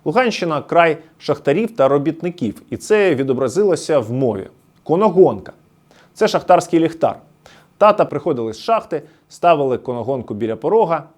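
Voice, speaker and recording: A man's voice: on the high side, big pitch swings, fairly quick, darkish tone. A man from the Luhansk region giving scripted documentary narration, storytelling nostalgically as he explains words one by one. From Luhansk region, Ukraine.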